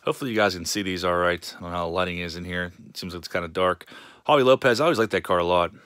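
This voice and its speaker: A man casually narrating a show-and-tell of his card collection, relaxed and rambling with many fillers. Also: deep voice, rapid-fire, smooth, no echo, clean studio sound.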